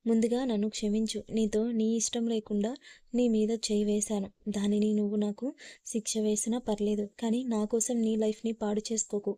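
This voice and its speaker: A woman's voice: medium pitch, little pitch movement, fairly quick, dark tone, no echo, studio quality, lightly acted. A woman voicing a pushy, insistent young man in a storybook reading, in a coaxing, pressing way. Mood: remorseful.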